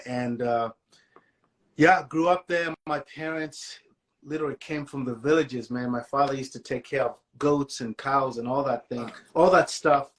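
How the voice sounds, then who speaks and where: A man from Malawi in his forties, a guest musician telling his story in a casual interview, relaxed and dropping "man" often. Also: mid-range voice.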